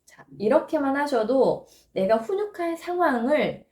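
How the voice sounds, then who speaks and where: A woman's voice: sits high, expressive, a little slow, darkish tone, reverberant. A woman giving a parenting lesson, explaining patiently and often asking rhetorical questions. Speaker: parenting educator.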